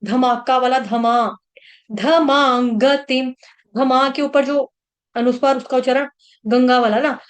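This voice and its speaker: A woman teaching verse recitation in an online class. She chants slowly, then breaks the words down syllable by syllable. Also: high voice, steady tone. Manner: slow chanting, then rapid syllable-by-syllable explanation.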